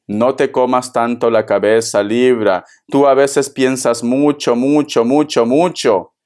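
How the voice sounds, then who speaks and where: A man's voice: medium pitch, fairly even intonation, slow, a little mellow, clean tone. Affectionate male tarot reader. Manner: affectionate, keeps addressing listener with endearments. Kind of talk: casual tarot reading monologue.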